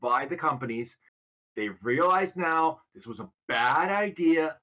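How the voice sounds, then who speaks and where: A podcast co-host speaking bluntly and with emphasis, with a pitch that swings up and down a lot. The pitch sits in the middle range. The chat is casual and full of strong opinions. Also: lively intonation, measured pace, sharp tone.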